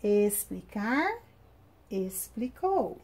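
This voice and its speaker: A woman teacher with a Brazilian Portuguese accent giving a recorded online class, spelling out grammar rules slowly and step by step. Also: medium pitch, very animated, a little mellow, slightly rough. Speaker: English teacher.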